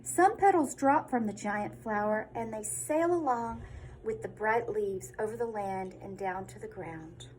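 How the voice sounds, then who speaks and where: A woman reads a children's picture book aloud like a teacher, with dramatic emphasis and hushed asides. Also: mid-range voice, measured pace, slight background noise, poor audio. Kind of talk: expressive read-aloud of a children's story.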